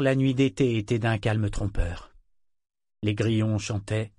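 A man's voice: mid-range voice, dry recording. Man reading an audiobook, dry close sound. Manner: measured, even reading. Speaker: narrator. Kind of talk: audiobook narration.

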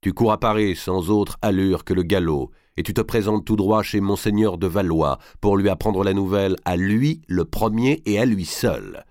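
A man's voice: low voice, moderate pace, hardly any pauses, darkish tone, no echo, clean studio sound, pitched above the performer's own voice, close to an everyday voice. A man doing an imperious lord giving orders. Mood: commanding. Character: commanding nobleman giving orders.

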